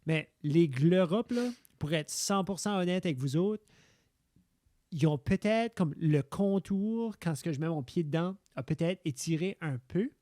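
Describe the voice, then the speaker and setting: A Quebec French man co-hosting a relaxed podcast. He jokes around and often turns to speak to the listeners. His voice is slightly high, recorded close with no room sound. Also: a little slow, no room sound. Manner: joking, addresses listeners directly. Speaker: podcast co-host. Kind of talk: casual chat.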